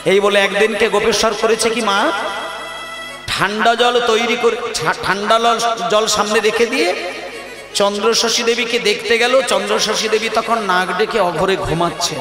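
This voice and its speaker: A man's voice: high-pitched, steady tone, normal speed. A male kirtan singer telling a devotional story on stage and teasing the audience in asides. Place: large hall with live audience. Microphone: stage microphone. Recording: echoey hall with music.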